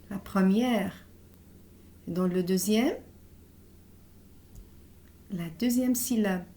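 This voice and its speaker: A woman leads a reading lesson for young children, sounding out each letter and syllable with deliberate care. Her voice sits a little high but has a mellow, soft tone. She speaks very slowly, leaving room for the class to answer. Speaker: primary school teacher.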